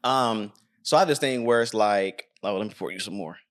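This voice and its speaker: A man hosts a podcast in a fairly low voice. He talks loosely and rambles, drops casual swear words, and keeps a relaxed conversational flow. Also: a little fast. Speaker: podcast host.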